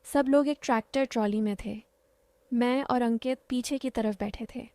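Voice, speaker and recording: A woman narrating a first-person romance story in a soft, shy, intimate way, close to the mic. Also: on the high side, steady tone, normal speed, smooth, no room sound.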